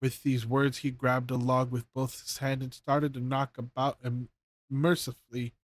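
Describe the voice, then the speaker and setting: A man's voice: mid-range voice, dry recording. A man casually reading a bedtime story aloud to his stream chat, often stumbling and rereading his lines. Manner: stumbling, rereads and corrects himself.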